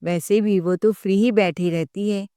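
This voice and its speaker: A woman's voice: medium pitch, fairly even intonation, measured pace, dark tone, smooth, no echo, clean studio sound, natural voice. Bold young daughter-in-law, voiced by a woman, frank, insistent, storybook voice.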